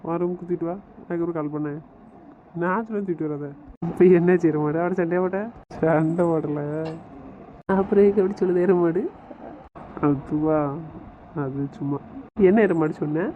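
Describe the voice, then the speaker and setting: A man's voice: on the high side, steady tone, fairly quick, long pauses. A man chatting on a family phone call as an older brother, teasing and scolding in casual banter. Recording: tinny phone line with faint noise.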